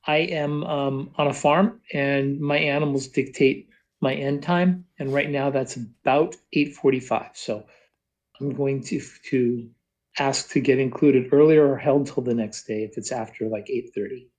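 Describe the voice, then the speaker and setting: A man's voice: medium pitch, fairly even intonation, measured pace, a little mellow. A man taking part in an online wargame, chatting with a dry, joking manner. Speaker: player. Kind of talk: casual chat.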